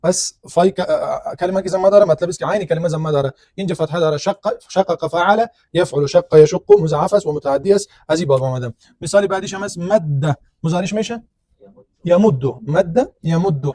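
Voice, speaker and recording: A man's voice: high-pitched, few pauses, warm tone, dry recording. A male teacher, giving a grammar lecture. He works through each point step by step, often asking a question and answering it himself. The recording is close and dry, with no room sound. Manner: explains step by step, asks and answers his own questions.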